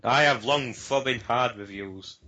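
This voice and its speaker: A man's voice: medium pitch, measured pace, pushed and bright, muffled recording. A man co-hosting a casual gaming chat, full of cheeky, crude banter. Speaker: podcast co-host.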